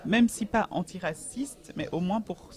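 A woman interviewer asking polite, clearly phrased questions at an event, speaking into a handheld mic in a large indoor hall. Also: medium pitch, a little slow, darkish tone.

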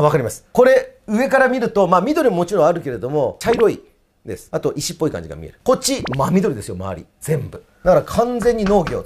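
Man, history teacher, casual video lecture, chatty, playful, animated pitch. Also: a little hiss or hum. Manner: chatty, lively delivery with playful foreign greetings.

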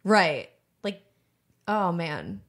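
A woman's voice: lowish voice, big pitch swings, very slow, a bit bright. Chatty, enthusiastic woman co-host. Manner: enthusiastic, chatty, laughs often. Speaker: cartoon creator and podcast co-host. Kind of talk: casual brainstorming chat.

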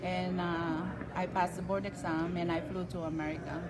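An older woman with a Filipino accent, speaking as an interview guest in an earnest, chatty way with halting restarts, in a restaurant. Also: lowish voice, flat delivery, a loud crowd. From Philippines. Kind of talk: casual interview. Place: large restaurant dining room, indoors.

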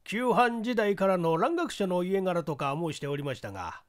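A man's voice: sits high, big pitch swings, moderate pace, voice pushed up. Man doing a stiff, deferential police sergeant. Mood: respectful. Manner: stiffly formal, polite report. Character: grey-bearded male police sergeant, deferential.

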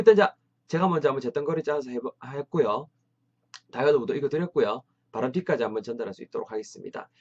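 A man leads an English lesson with energy and encouragement, repeating phrases for learners to copy. His pitch sits in a middle register. The sound is slightly dull, as if from a modest lo-fi setup. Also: a little mellow, breathy edge. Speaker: English teacher.

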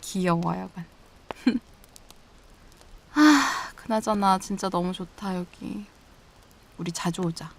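A woman in a whispered role-play as an affectionate girlfriend, teasing and giggling softly. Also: medium pitch, lively intonation, takes it slowly, gravelly, long pauses, slight background noise. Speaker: ASMR role-play performer.

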